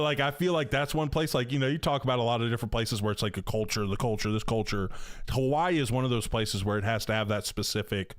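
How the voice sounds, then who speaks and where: A man in his thirties chats casually while streaming a video game. His voice sits a bit low, and he talks in a loose, slangy way with plenty of filler words. The sound is dry and close. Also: no echo. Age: 30s. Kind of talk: casual live-stream chat.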